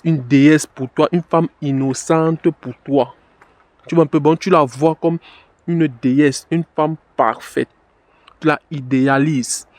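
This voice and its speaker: A man's voice: fairly high pitch, darkish tone, dry recording. A man giving blunt dating advice straight to the listener, calling him "bro" and repeating a catchphrase. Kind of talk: direct-to-camera advice monologue.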